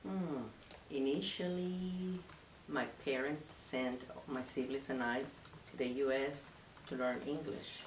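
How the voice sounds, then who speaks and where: A woman's voice: rumbling low, fairly even intonation, slow, far from the mic. A woman in her fifties from Venezuela with a Venezuelan Spanish accent, a native Spanish speaker answering interview questions in a hesitant, thoughtful way. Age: 50s. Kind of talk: casual interview. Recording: echoey room, from the mic, faint hiss.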